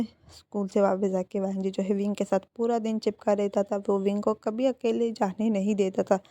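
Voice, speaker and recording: A woman casually retelling a fan story, chatty and loose with filler phrases. Her voice is warm and mellow, mid-pitched. The sound is close and dry. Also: dry recording.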